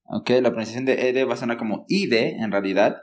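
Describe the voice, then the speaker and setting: A man teaching a language lesson, explaining patiently, checking in with listeners often and saying example words slowly for them to copy. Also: mid-range voice. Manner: models words slowly for learners. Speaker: English teacher.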